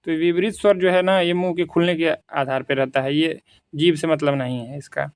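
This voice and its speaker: स्वर समझाता शिक्षक, थोड़ी ऊँची आवाज़. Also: male voice, a little high, little pitch movement, smooth, no room sound, studio quality. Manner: reads out options slowly, then explains in casual conversational Hindi. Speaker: Hindi grammar teacher. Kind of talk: quiz lesson, reading questions and explaining answers.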